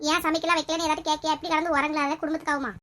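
A woman's voice: high-pitched, little pitch movement, racing, a bit bright. A woman, playing nagging, scolding family members in a comedy family skit.

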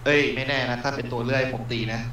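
A man rattles off casual game commentary at a very fast pace. His voice is heavily echoey, with game ambience clearly behind it. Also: medium pitch, little pitch movement, noisy background. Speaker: gamer.

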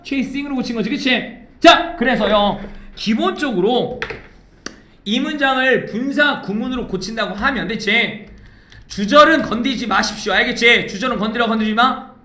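A man's voice: very high voice, pushed and bright, reverberant. A man teaching English grammar in a lecture, drilling students with repeat-after-me prompts and checking their understanding again and again. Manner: keeps checking understanding with tag questions.

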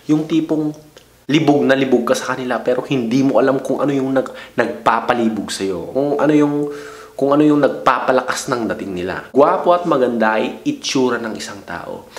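Young guy joking around to camera, teasing and slangy, echoey room. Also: mid-range voice. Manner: playful, slangy, teasing the viewer. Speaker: vlogger giving dating tips. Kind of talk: casual joking talk to camera.

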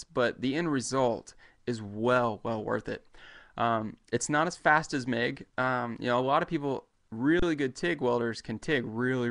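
A man in his thirties talks through a welding lesson on a live webcam stream, in a middle-pitched voice. He speaks loosely and conversationally, full of ums and restarts. The sound is plain webcam audio from a small room at home. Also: a bit bright. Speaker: welding show host. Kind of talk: casual livestream lesson. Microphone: webcam at desk.

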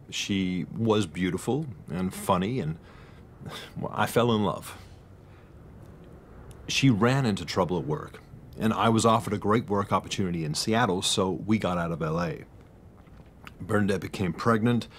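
An actor playing an earnest, worried middle-aged husband confiding in a doctor in a radio drama. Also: male voice, low-pitched, normal speed, pauses often, slight background noise, natural voice. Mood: troubled, confiding.

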